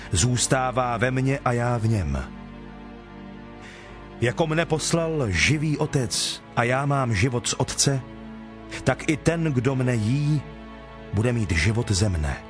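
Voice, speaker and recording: An actor playing Jesus, a solemn teacher speaking in measured declarations in a dramatized scripture reading. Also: male voice, medium pitch, lightly acted. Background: background music.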